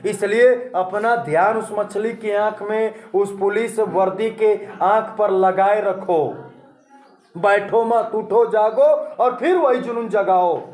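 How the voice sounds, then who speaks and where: A man's voice: high voice, slow, darkish tone, roomy sound. A male coaching teacher, giving a motivational exam-prep lesson and asking and answering his own questions.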